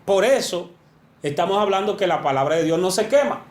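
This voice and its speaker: A man with a high voice preaches a sermon in an earnest, emphatic way, his pitch climbing and dropping to drive each point home. The sound is roomy and echoey. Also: animated, a little fast.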